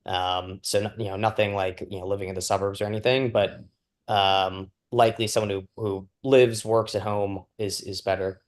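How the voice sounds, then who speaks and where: A man's voice: lowish voice, little pitch movement, moderate pace. A man who fosters a dog, talking casually over a video call in a rambling, hesitant way full of fillers. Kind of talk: casual chat.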